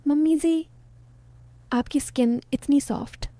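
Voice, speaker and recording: A woman voicing an infatuated young son-in-law who speaks in a soft, pleading way. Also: extremely high pitch, slow pace, no room sound, pitched above the performer's own voice.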